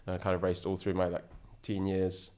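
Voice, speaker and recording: Deep-voiced man, chatty guest. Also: completely flat delivery, brisk, a little mellow. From England. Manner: enthusiastic, rambling with frequent restarts. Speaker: podcast guest, ocean sailor. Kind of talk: casual interview chat.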